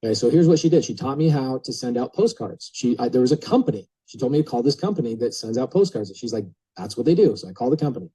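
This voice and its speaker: A man speaking on a group coaching call, telling an energetic motivational story and talking straight to his listeners. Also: medium pitch, fast talker, hardly any pauses, breathy edge, low-quality recording. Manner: energetic, chatty, addresses listeners directly.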